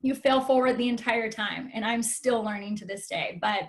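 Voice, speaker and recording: A woman with a fairly high voice delivers a motivational network marketing pitch. She is chatty and earnest, telling her story in casual phrases sprinkled with sales catchphrases. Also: fairly even intonation, normal speed. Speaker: network marketing team leader, guest speaker. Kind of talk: motivational MLM testimonial pitch.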